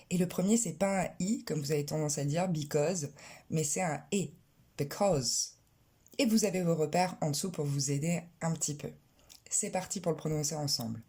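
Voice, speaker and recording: Woman, English teacher, low voice, mellow, explanatory, models pronunciation. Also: breathy edge. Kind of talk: online English lesson.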